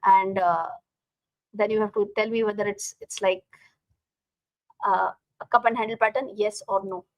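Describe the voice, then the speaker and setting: A woman's voice: medium pitch, fairly even intonation, normal speed, long pauses, no room sound, poor audio. A woman with an Indian accent hosting a casual live stream as a teacher, speaking directly to viewers and often repeating her phrases.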